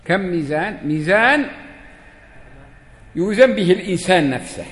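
In a reverberant hall, a man teaches a religious lesson to people seated before him, quizzing them and playing out dialogues. His voice is high and a bit bright, with lively intonation and a normal pace.

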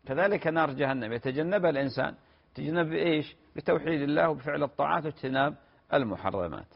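A man, answering listeners' religious questions on a broadcast program in a measured, explanatory way that often repeats phrases. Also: on the high side, lively intonation, vocal fry. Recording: dull lo-fi broadcast audio.

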